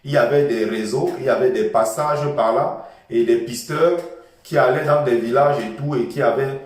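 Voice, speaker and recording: A man's voice: mid-range voice, moderate pace. A man giving an impassioned, repetitive political monologue, lecturing his listeners. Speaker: political commentator. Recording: echoey room from far off.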